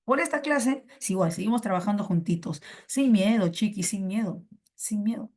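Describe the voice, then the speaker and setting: A woman's voice: mid-range voice, moderate pace, darkish tone. A woman teaching an online class in Peruvian Spanish, playful and coaxing, repeating her phrases as she talks to students over a computer mic.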